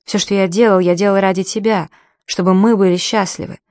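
A woman's voice: mid-range voice, steady tone, brisk, a little mellow, no room sound, clean studio sound, lightly acted. A woman reading an audiobook, voicing a desperate, frightened man pleading with his lover. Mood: frantic. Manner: frantic, pleading.

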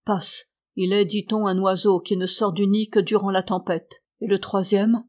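A woman's voice: medium pitch, normal speed, lightly acted. Woman reading as a commanding young ghost. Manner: brief, imperious, calm. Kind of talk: audiobook reading.

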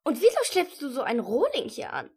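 A man voicing a fretful female figure who fears fire, pleading in a shrill falsetto. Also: wildly swooping pitch, fairly quick, breathy edge, heavily acted. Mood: panicky.

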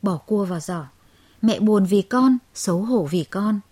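A woman telling a children's fable in a measured, expressive way. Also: mid-range voice, husky, no room sound. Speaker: storyteller. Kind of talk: children's story narration.

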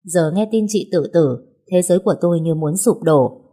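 Low, husky woman narrating a novel. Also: moderate pace, dark tone. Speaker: audiobook narrator. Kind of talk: scripted first-person novel narration.

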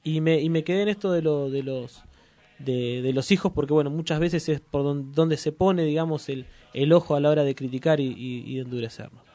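A man's voice: a little high, a little fast, warm tone, no echo. A man hosting a radio talk show. He speaks in a reflective, earnest way. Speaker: radio host.

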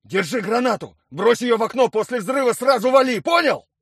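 A man's voice: very high voice, expressive, a little fast, a bit bright, slightly rough, no echo, clean studio sound, pitched above the performer's own voice, full character voice. An audiobook reader voicing a stern male colonel who gives clipped, commanding orders. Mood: shouting orders.

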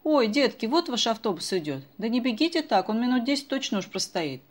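A woman's voice: fairly high pitch, very animated, a little fast, pitched above the performer's own voice. A woman doing a chatty old village granny. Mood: kindly chatty. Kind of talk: audiobook character voice.

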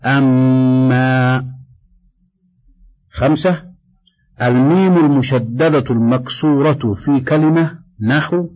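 Man, lesson reader, steady dictating delivery of a tajweed text, mid-pitched voice, dull lo-fi recording. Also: slightly rough. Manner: measured, dictating, slows to recite quoted verses. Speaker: Quran recitation teacher. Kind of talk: reading a tajweed textbook aloud.

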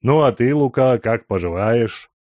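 A man voicing a young gentleman who asks calm, friendly questions. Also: medium pitch, a little slow, no room sound, muffled recording, natural voice.

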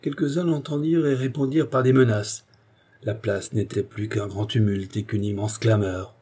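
Low mellow guy reading an audiobook, dramatic and expressive, a bit husky. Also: normal speed. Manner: expressive, theatrical delivery. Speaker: audiobook narrator.

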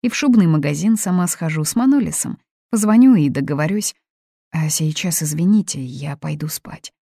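A woman's voice: deep voice, expressive, moderate pace, gravelly, mellow, no room sound, studio quality, full character voice. A woman reading an audiobook, voicing a young heroine who speaks earnestly and directly. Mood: resigned. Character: young Russian woman visiting, indignant but restrained.

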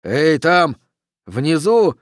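A man voicing a stout, panicking police captain who shouts orders and whose voice cracks to a squeal. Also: a little high, normal speed, dry recording, studio quality, pitched above the performer's own voice, close to an everyday voice. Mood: panicked shouting.

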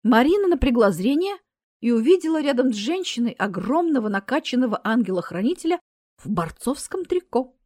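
A woman reading a humorous story aloud in a wry, lively manner. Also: a little high, brisk, no echo, studio quality. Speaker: narrator. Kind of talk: storytelling narration.

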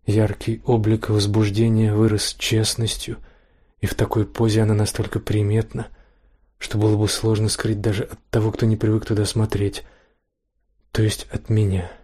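A man reading an intimate first-person story aloud in a quiet, hushed way. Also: on the low side, completely flat delivery, moderate pace.

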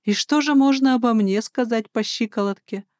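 A narrator voicing a sharp-tongued young woman in an audiobook, mocking and quick to snort at him. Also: mid-range voice, clear, resonant tone, no echo, studio quality, pitched above the performer's own voice, natural voice. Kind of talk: audiobook dialogue.

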